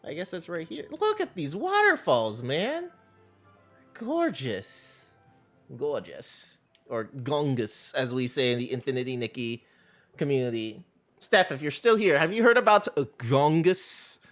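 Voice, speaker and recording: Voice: medium pitch, big pitch swings, normal speed, fairly bright tone. A game live streamer chatting casually in a bubbly, cutesy, playful way. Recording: faint music behind. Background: faint game music.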